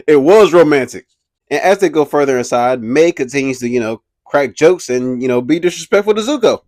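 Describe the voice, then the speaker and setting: A young man hosting a casual commentary video, animated and slangy, laughing often as he talks. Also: on the high side, moderate pace, no room sound. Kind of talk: casual pop-culture commentary.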